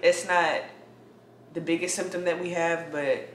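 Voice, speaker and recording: Young adult co-host, slightly congested, loose filler-heavy chat, mid pitch, roomy room. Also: a little slow, slight background noise. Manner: relaxed, frequent "like" fillers. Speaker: vlogger. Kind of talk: casual chat. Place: at home.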